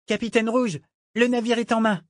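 A man's voice: very high-pitched, flat delivery, moderate pace, no room sound, studio quality, pitched above the performer's own voice. Casting: male reader as a young, eager ship's boy, raised voice, keen. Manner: enthusiastic.

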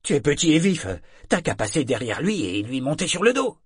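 A man's voice: a little high, big pitch swings, fairly quick, breathy edge, dry recording, studio quality, voice pushed up. A man voicing a pushy sailor urging a boy forward. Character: pushy adult male shipmate sailor.

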